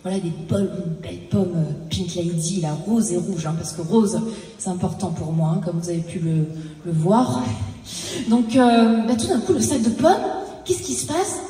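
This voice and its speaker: A woman performing a comic stage monologue, telling her story haltingly and acting out her own lines of dialogue. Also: on the low side, dark tone, soft background music. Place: stage in a large hall. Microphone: handheld stage mic. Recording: echoey hall, mic at a distance.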